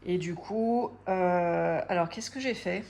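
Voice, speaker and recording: Woman in her 40s doing a crafting vlog, lowish voice, takes her time, lots of little pauses. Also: creaky, darkish tone. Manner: chatty, hesitant with frequent pauses and fillers. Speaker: craft vlogger. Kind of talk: casual chat to camera.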